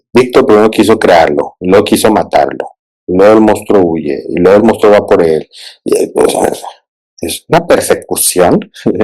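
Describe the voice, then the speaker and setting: A man's voice: lowish voice, a little mellow, poor audio. A man, a therapist, talking reflectively through a film analysis and often checking in with his listeners. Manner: thoughtful, often asks listeners "¿no?" and "¿sí?".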